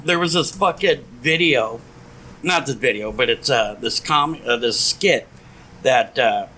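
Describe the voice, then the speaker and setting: A man's voice: mid-range voice, unhurried, pushed and bright, slight background noise, poor audio. A man co-hosting a casual podcast, telling stories with lots of swearing and laughter. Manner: profane storytelling, laughs a lot. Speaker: podcast co-host. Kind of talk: casual drinking-podcast chat.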